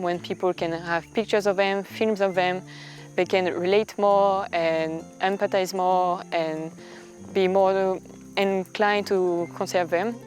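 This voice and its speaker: A woman's voice: mid-range voice, a little mellow. A woman who works in conservation, explaining things in an unscripted documentary interview. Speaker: gorilla conservation worker.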